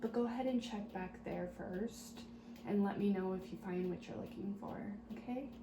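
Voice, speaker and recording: A woman doing a soft-spoken, ASMR role-play as a helpful, patient librarian, talking gently and politely as if serving patrons at the desk. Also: medium pitch, moderate pace. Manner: gentle, polite customer-service talk with small murmured asides. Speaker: ASMR performer playing a librarian at a checkout desk. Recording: roomy echo, clear background noise.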